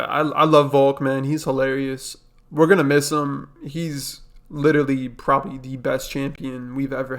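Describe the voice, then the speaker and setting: A young man hosts a reaction video, offering casual commentary full of fillers and repeating himself. His voice is medium-pitched, fairly bright and creaky.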